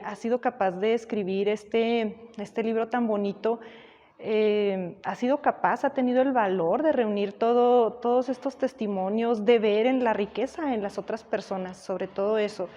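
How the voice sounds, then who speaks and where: A woman from Sinaloa, Mexico, giving a relaxed, conversational personal testimony. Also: a little high, long reverb tail, highs cut off.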